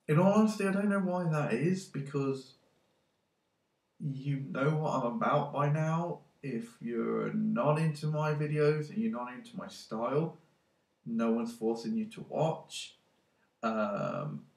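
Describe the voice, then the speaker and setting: Sitting far from the mic in his echoey room, a man with a lowish voice, a tech vlogger, delivers a casual rambling monologue. His cold leaves him congested, and he hesitates constantly with ums and restarts.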